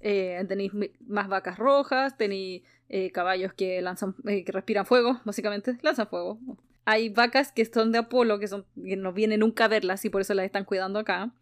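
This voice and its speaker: A woman's voice: mid-range voice, a little fast. A woman with a Chilean accent hosting a casual podcast chat, recapping a book with lots of laughter and acted-out quotes. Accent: Chilean Spanish. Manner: lively, laughs often, acts out quoted lines. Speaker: podcast host.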